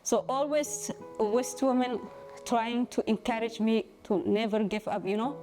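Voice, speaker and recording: A woman from Somalia, a former student giving a halting personal testimonial. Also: a little high, steady tone, warm tone, soft background music. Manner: halting, simple phrasing, many fillers.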